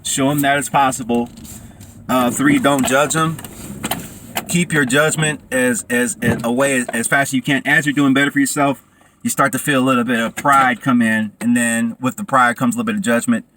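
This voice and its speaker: Loud outdoor traffic noise surrounds a man with a mid-range voice. He is vlogging while running, speaking in loose, broken phrases. The style is an informal, motivational monologue. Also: mid-range voice, fairly even intonation, normal speed. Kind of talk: casual motivational monologue to camera. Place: outdoors by a road.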